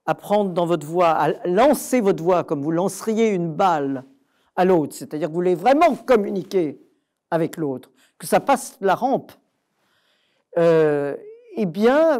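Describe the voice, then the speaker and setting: A woman's voice: lowish voice, mellow. An older Frenchwoman answering audience questions at a talk, emphatic and direct, with many hesitations. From France.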